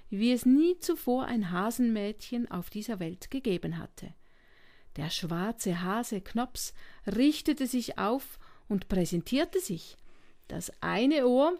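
A woman reading a children's story aloud as narrator, gentle and unhurried. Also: fairly high pitch.

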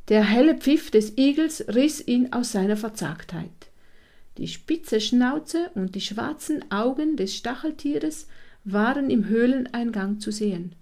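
A woman reading a children's animal story aloud, slowly and expressively. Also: medium pitch, dark tone. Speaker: narrator.

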